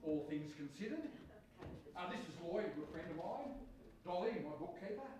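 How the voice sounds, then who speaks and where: A gruff, evasive middle-aged father, played by a stage actor, speaks in clipped farce style. His pitch is lively and the sound is distant and very echoey. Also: moderate pace, natural voice. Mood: wary. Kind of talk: theatrical farce acting. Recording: echoey distant stage recording, faint noise.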